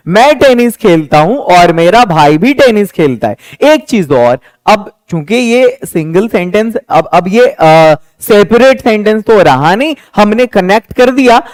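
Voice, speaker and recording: A young man teaching a spoken English lesson, patiently explaining and slowly repeating example sentences. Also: high voice, dry recording.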